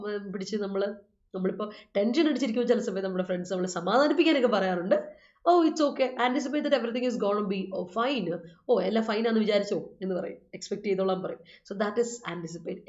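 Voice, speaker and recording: A woman's voice: mid-range voice, a little mellow. Woman English teacher, patient and explanatory, reads and corrects learners' sentences; roomy, slightly muffled recording. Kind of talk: online vocabulary lesson. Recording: roomy, slightly dull audio.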